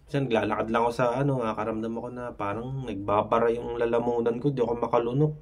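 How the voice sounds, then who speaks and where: Crowd noise sits behind this man as he vlogs anxiety tips to camera at a quick pace. His mid-range voice stays fairly even in intonation, and he rambles with frequent fillers and tag questions.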